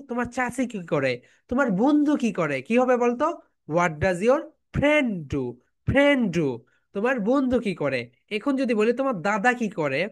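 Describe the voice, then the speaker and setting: Teacher, woman; slow, repetitive drilling, mixing Bengali and English. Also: a little high. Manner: drills phrases slowly, repeating, with students chanting along. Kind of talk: online classroom lesson.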